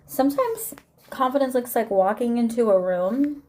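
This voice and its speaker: A woman's voice: on the high side, normal speed, a little mellow. A woman delivering an inspirational faith-based monologue to camera, emphatic and drawn out, with some words dropped to a near whisper. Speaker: vlogger.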